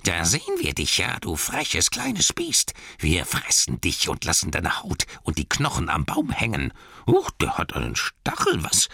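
A man voicing spiteful giant forest spiders that taunt in a shrill, swooping way. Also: huge pitch swings, a little slow, gravelly, bright, forceful tone, breathy edge, no room sound, clean studio sound, exaggerated voice. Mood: menacing taunts.

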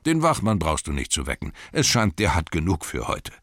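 A man reading an audiobook, putting on the voices of rowdy, merry young male elves who jeer loudly and impatiently. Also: low-pitched, big pitch swings, a little fast, dry recording, clean studio sound, heavily acted. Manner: loud, jeering, impatient. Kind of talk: audiobook character voice.

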